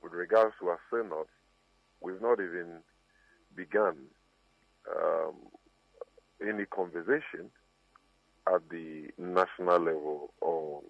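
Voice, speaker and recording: A man, a party spokesman speaking in a measured, emphatic way, heard through a distorted, fuzzy phone line. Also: deep voice, fairly even intonation, no room sound. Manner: measured, emphatic denial with pauses. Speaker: party communications officer.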